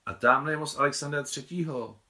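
A man's voice: fairly high pitch, bright, forceful tone, pitched above the performer's own voice. A man voicing a young Russian woman, an admiral's daughter, in an audiobook reading, speaking in short, blunt remarks.

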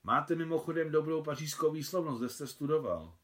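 A man reading aloud, voicing a self-assured young woman doctor who talks in a playful, gently mocking way. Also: a little high, animated, voice pushed up. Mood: encouraging.

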